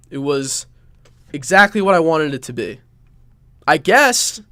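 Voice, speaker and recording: A man's voice: mid-range voice, fairly bright tone, dry recording. A young man with a stuffed-up, nasal voice, hosting a casual solo sports podcast in a rambling, jokey way. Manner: rambling, jokey, self-mocking asides. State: stuffed-up nose, congested. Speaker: podcast host.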